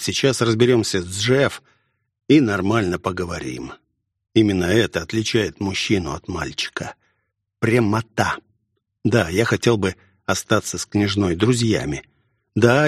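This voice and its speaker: A man's voice: lowish voice, breathy edge, no echo, clean studio sound. A man narrating a first-person audiobook story in an introspective, wry manner.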